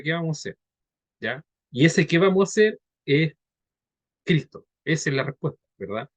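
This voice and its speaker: A male preacher giving a conversational teaching sermon, checking in with his listeners by often asking "¿ya?" and "¿verdad?", and reading scripture slowly. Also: medium pitch, slightly rough, dry recording. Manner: reads scripture slowly and deliberately.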